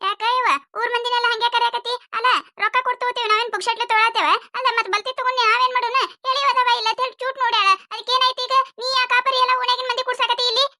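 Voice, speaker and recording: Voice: little pitch movement, very fast, few pauses, pushed and bright, no room sound, studio quality, exaggerated voice. A voice actor playing a scolding older village mother-in-law with a North Karnataka accent in a cartoon comedy. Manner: scolding, nagging, shrill.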